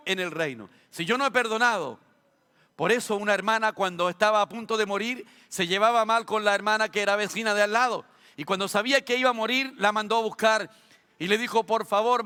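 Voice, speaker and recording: High, bright Chilean pastor preaching. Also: male voice, quick pace, clean tone. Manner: rhetorical questions and humorous asides. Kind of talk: sermon. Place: church sanctuary. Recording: long church hall reverb.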